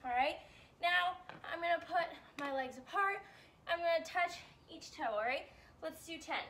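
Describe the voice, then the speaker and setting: A young woman teacher leading warm-ups and stretches for kids, upbeat and a bit out of breath, checking in often. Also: very high voice, normal speed, far from the mic, a little hiss or hum. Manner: upbeat coaching, checks in with "all right?". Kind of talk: guided exercise instruction.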